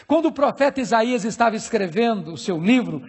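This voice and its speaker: A middle-aged Brazilian man preaching a sermon, with emphatic, slowly stressed phrases and repeated rhetorical questions. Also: high-pitched, expressive, husky. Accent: Brazilian Portuguese. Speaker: pastor. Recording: long hall reverb.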